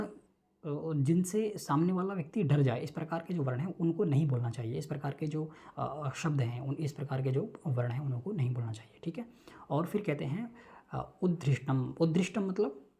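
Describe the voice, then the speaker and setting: Guy teaching a class online, mellow voice, goes over each term again and again. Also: on the high side. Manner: explains each term slowly, repeats points, checks understanding. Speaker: Sanskrit teacher. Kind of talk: online lecture explaining a text.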